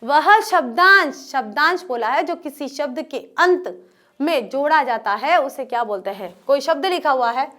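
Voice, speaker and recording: A woman's voice: sits high, expressive, normal speed, sharp tone. A woman teaching an exam-prep grammar lesson to students, asking questions and answering them herself and repeating the key terms.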